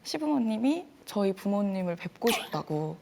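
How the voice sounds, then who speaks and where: A woman in her twenties, a guest on a talk show, telling her life story calmly and openly. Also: mid-range voice, moderate pace, vocal fry, noisy background. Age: 20s. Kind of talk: casual TV talk show conversation.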